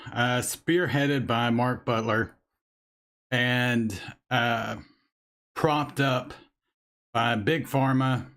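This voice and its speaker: A man hosting a casual live chat, angry, blunt and swearing as he talks. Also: medium pitch. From United States. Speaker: vape channel host. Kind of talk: casual livestream chat reading chat.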